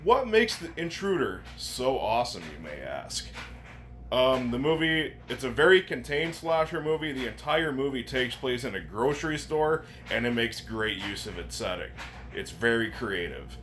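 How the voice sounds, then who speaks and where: A man's voice: medium pitch, expressive, normal speed, a bit bright. A man giving a casual, enthusiastic movie review with some swearing. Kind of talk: casual film review to camera. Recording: noticeable background noise.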